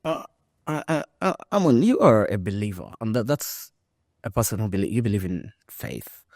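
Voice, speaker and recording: A man from Rwanda hosting a podcast interview, talking in an emphatic, lively way with many fillers. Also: fairly low pitch, normal speed, dry recording, clean studio sound. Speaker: podcast host. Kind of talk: conversational interview.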